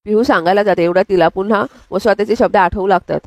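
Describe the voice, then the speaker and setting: Woman recap narrator; brisk, fast, dry close recording. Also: mid-range voice, fairly even intonation, dry recording. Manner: brisk storytelling, reading quotes plainly.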